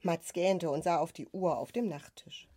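A woman narrating a children's audiobook in a calm, soft storytelling voice. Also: lowish voice, normal speed, slightly rough.

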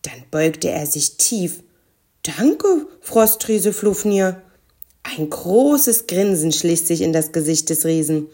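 A woman reading a children's story aloud, calm and steady. Her voice sits a little low for a woman, and she tells the tale evenly. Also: unhurried, few pauses. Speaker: narrator.

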